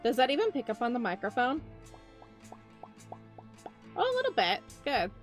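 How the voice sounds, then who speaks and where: On a live VTuber stream with faint music in the background, a woman speaks at normal speed in a slightly high voice with huge pitch swings. Sounding worn out, she chats loosely with viewers and jokes at her own expense.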